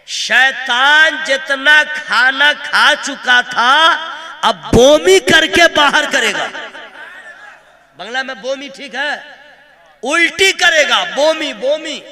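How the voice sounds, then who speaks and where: A male preacher from Kolkata giving a humorous sermon, teasing the audience and chanting verses in a slow melody. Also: very high-pitched, pushed and bright. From Kolkata, India. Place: religious gathering with a pulpit.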